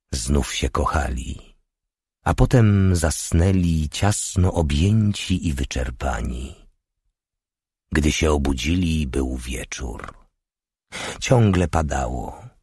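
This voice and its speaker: Audiobook narrator, male, low and slow, measured delivery, dry sound. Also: a little mellow, breathy edge, dry recording. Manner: measured, unhurried reading. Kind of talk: scripted narration.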